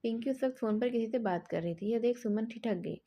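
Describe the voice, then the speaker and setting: A woman narrating an audio story in a calm, steady reading voice. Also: fairly high pitch, fairly quick.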